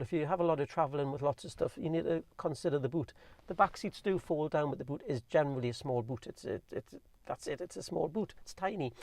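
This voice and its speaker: A man with a Geordie accent rattling through a casual, rambling Q&A, talking fast with plenty of ums and restarts. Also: fairly high pitch, darkish tone, no room sound. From North East England. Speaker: vlogger reviewing his car. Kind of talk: casual chatty Q&A.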